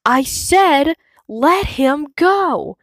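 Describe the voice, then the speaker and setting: A woman's voice: sits high, animated, extremely slow, no room sound, studio quality, pitched above the performer's own voice, full character voice. A woman voicing a brave young male lion cub in a storybook, with a raised, boyish voice. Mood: shouting.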